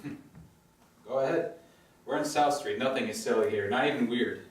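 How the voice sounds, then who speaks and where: A man's voice: mid-range voice, normal speed, close to an everyday voice. A man playing a doting, goofy young boyfriend in a live stage play, heard in an echoey room from a distant mic.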